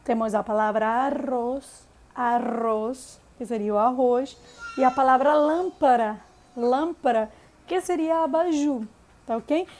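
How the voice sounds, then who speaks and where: A woman from Venezuela, a native Spanish speaker, teaching a language lesson and repeating example words slowly for learners. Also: high-pitched, a little mellow, a little hiss or hum.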